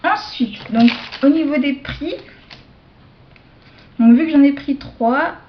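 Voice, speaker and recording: A woman showing off a shopping haul to her viewers in a casual show-and-tell, hesitant, with many fillers and self-corrections, slipping into soft asides. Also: high voice, background noise. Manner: slow, chatty, drops into soft asides. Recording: dull lo-fi home video sound.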